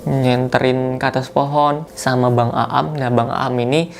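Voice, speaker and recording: A man's voice: mid-range voice, little pitch movement, a little slow, creaky, a little hiss or hum. A man casually retells a listener's mountain horror story as host, talking loosely with slang fillers and self-corrections.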